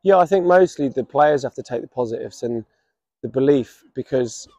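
A man in his thirties with an English accent, a football manager giving a measured, reflective post-match interview outdoors at a stadium. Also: medium pitch, animated, dark tone, no echo, highs cut off. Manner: reflective, measured, many restarts. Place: outdoors by a stadium running track. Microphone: camera at standing distance.

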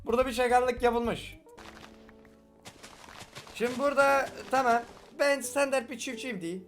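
A young man with a regional Turkish dialect, joking and fast-talking as he reacts to a game. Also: extremely high pitch, a bit bright, soft background music. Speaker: gaming video host. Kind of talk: casual reaction commentary.

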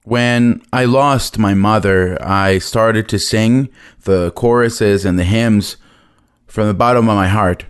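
A man interpreting a testimony live in a church hall, measured and plain, holding a handheld mic. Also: on the low side, fairly even intonation, clean tone.

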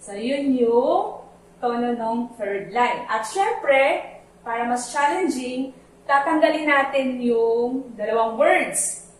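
A woman's voice: on the high side, expressive, takes it slowly, slight background noise. A Filipino woman teaching a children's Sunday school lesson, explaining a Bible verse patiently in mixed Tagalog and English and singing its lines to teach the tune. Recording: echoey, from a distance, with faint music.

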